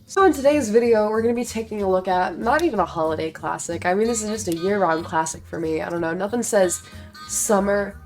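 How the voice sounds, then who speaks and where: Sick hoarse woman vlogger, sarcastic rambling movie talk, faint music under. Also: mid-range voice, animated, quick pace, hardly any pauses, a little mellow. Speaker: movie commentary youtuber. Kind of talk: improvised movie commentary.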